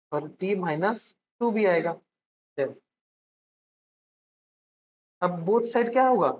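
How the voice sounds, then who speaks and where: Man teaching physics, asking his own questions. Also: high-pitched. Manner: asks and answers his own questions, checking in with students; calls students "beta" affectionately. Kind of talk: classroom-style lecture while writing out a problem. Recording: dull lo-fi recording with faint noise.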